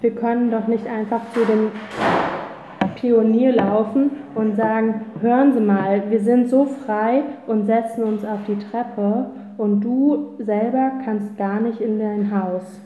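A brash, argumentative boy from the city streets, as a woman reading the story puts him on. He talks slowly, and the tinny, phone-like sound echoes as if in a bare room. The reading stays close to an everyday voice. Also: a little high, fairly even intonation, slight background noise. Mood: arguing.

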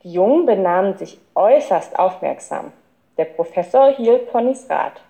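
A woman narrates a children's book with expressive, lively intonation. Her voice is warm and mellow, with medium pitch. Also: normal speed, gravelly. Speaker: audiobook reader.

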